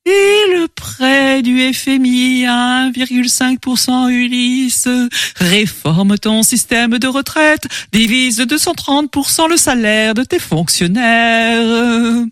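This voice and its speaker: A performer voicing a chorus of sea sirens, calling in a drawn-out sing-song in an amateur radio play. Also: medium pitch, a bit bright, dry recording, studio quality, pitched above the performer's own voice. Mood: luring, insistent. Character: chorus of luring sea sirens, eerie and insistent.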